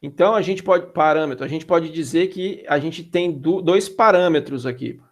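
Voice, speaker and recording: A man's voice: on the high side, normal speed. A man teaching an introductory programming class in a casual way, checking in with students and throwing in slangy asides. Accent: Brazilian Portuguese. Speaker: instructor. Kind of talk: classroom lecture.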